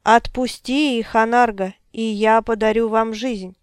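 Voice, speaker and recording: Hoarse stern wizard father, woman reader, dry close sound, a touch higher than a man's. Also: fairly even intonation, unhurried, no room sound, natural voice. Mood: commanding.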